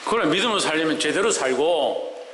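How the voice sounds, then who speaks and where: Animated pastor preaching in a hall. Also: male voice, fairly high pitch, fairly quick, a little hiss or hum. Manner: emphatic, rhetorical questions, swings between loud and soft. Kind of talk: sermon. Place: church sanctuary.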